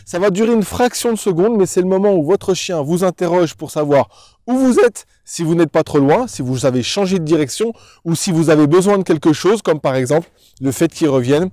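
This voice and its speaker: A man's voice: a little high, lively intonation, brisk, mellow, no room sound, clean studio sound. A man working as a dog trainer, explaining things in a didactic, instructional way and addressing the viewer directly. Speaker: dog trainer presenting a tutorial.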